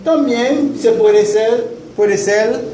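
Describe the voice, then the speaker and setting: A man teaching in a classroom, slowly repeating words for students to echo. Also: very high-pitched, mellow. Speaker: Haitian Creole teacher. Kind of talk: classroom lesson. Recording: echoey classroom with faint noise.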